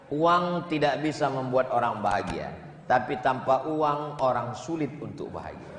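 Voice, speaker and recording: A man's voice: fairly high pitch, a bit bright. A man preaching a humorous sermon, joking and acting out little dialogues in a sing-song voice. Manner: jokey, acts out dialogues, sing-song asides. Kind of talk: humorous sermon to a live audience. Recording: echoey hall with background noise.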